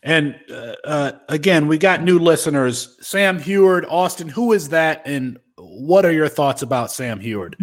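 A man's voice: fairly high pitch, lively intonation, a little slow, hardly any pauses. A man hosting a sports podcast, introducing segments and putting questions to guests in casual talk. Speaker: podcast host.

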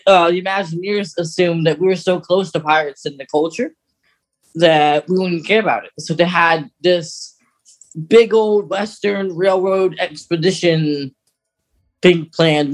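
In a relaxed podcast chat, a male co-host explains things with an enthusiast's energy, his voice sitting high with a steady tone and a measured pace.

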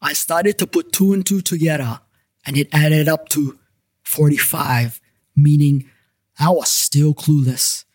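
A man's voice: on the high side, fairly even intonation, measured pace, a little mellow, no echo. A man narrating a paranormal detective story in the first person, with a wry, joking delivery over background music.

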